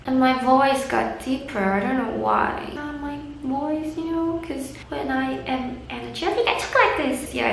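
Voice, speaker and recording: A woman's voice: a little high, vocal fry, slight background noise. A tired woman chatting casually as a beauty vlogger while doing her makeup, rambling and joking at her own expense, sitting on the floor at home and talking to a camera in front of her. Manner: rambling, self-deprecating, talks to herself. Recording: very echoey room.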